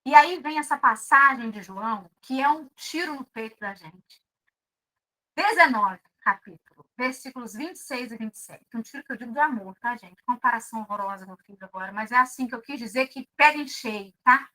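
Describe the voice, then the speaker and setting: A woman's voice: a little high, lively intonation, brisk, sharp tone, poor audio. A middle-aged woman with a Brazilian Portuguese accent giving a devotional talk at a spiritist seminar, intimate and pleading, speaking straight to her listeners. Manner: intimate, pleading, addresses audience directly.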